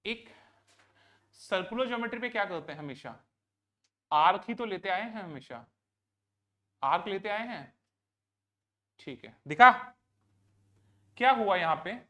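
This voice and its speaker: A man's voice: high-pitched, expressive, unhurried, long pauses, bright, forceful tone. Hindi-speaking man teaching a live class. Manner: repeats questions and answers them himself, coaxing and scolding students. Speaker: physics teacher. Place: classroom with students.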